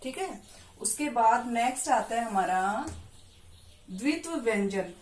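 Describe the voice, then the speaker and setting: A woman's voice: a little high, animated, unhurried, reverberant. A woman teaching a primary school lesson, patiently drawing out syllables and asking the children questions. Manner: patient, stretches out syllables and quizzes the listener. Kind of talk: classroom lesson.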